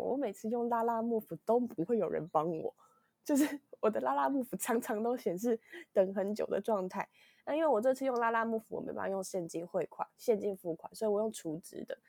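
A young woman's voice, on the high side and a little mellow, comes through a dry recording. She's a podcast host with a Taiwanese Mandarin accent, weak from illness, telling a rambling casual story full of restarts and acted-out quotes.

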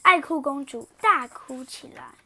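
A woman reading a children's picture book aloud in an expressive, animated way. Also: high voice, measured pace. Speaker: storyteller.

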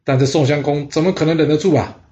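Male storyteller, lively and chatty. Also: on the high side, fast. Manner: lively, with interjections. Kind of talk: historical storytelling. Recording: dull lo-fi recording.

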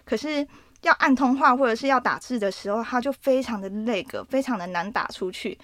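Lively Taiwanese woman telling a story. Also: fairly high pitch, brisk, no echo. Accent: Taiwanese Mandarin. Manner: animated, laughs often while telling a story. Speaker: podcast co-host. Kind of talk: casual storytelling chat.

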